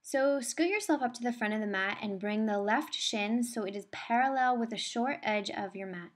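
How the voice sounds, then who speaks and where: A woman's voice: fairly high pitch, normal speed. A woman teaching a yoga class, giving guided instructions in a soothing, encouraging manner.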